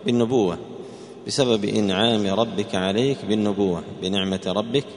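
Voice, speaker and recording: A man with a lowish voice explains Quranic words to a class, slowly and patiently, saying each phrase again and again. He puts questions to students by name. The sound carries a long reverb, as in a big room. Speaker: Quran teacher.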